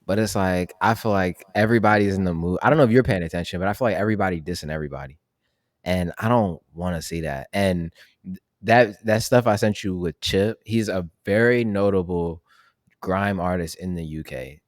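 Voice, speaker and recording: A man's voice: deep voice, brisk, no echo, studio quality. A young man co-hosting a podcast, talking loosely and rambling with lots of slang and fillers. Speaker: podcast co-host. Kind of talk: casual chat.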